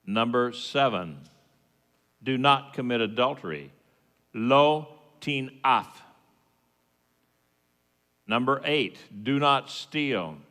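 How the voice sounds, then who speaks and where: A man with a West Texas accent and twang gives an informal teaching sermon in a folksy, halting, plain-spoken way. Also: mid-range voice, lively intonation, bright, forceful tone. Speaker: congregation teacher giving the sermon. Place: reverberant hall at a worship service. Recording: long reverberation of a hall.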